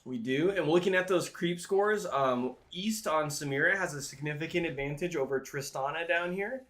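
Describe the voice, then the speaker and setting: A man giving live play-by-play commentary on a video game match in an excitable announcer style. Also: a little high, moderate pace. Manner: excitable announcer-style calls that swell at big plays. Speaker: esports commentator, play-by-play caller.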